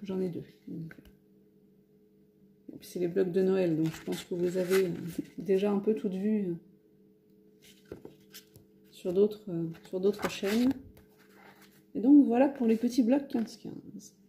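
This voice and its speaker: A woman's voice: mid-range voice, slow, pauses often, mellow, a little hiss or hum. French woman chatting through a craft haul. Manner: hesitant, many fillers and restarts. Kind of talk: casual haul video talk. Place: home, near a window.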